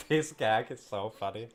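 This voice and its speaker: In a lowish, unhurried voice, this gameplay commentator, a man whose first language is Finnish, chats loosely over the game he's playing. His let's-play talk meanders into tangents, and he often starts sentences over.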